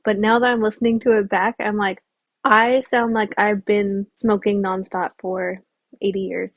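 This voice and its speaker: A woman speaks casually in a slightly husky voice, introducing a video in a self-deprecating way. The recording is dry and a little muffled. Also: medium pitch, little pitch movement, moderate pace, dry recording. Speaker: video creator. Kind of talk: casual spoken intro to camera.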